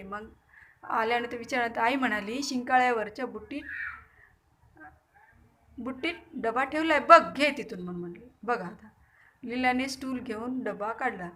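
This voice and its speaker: Woman teacher w/ marathi accent reading a kids story, acts out the characters, high voice. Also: a bit bright. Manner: repeats lines and quizzes children, acting out characters' voices. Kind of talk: reading a story aloud to young pupils and explaining it.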